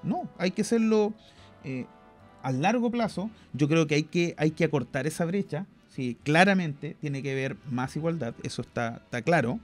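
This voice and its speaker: Opinionated Chilean man with higher voice. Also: expressive, normal speed, soft background music. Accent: Chilean Spanish. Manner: opinionated, repeats words while thinking. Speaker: podcast co-host. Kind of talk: casual discussion.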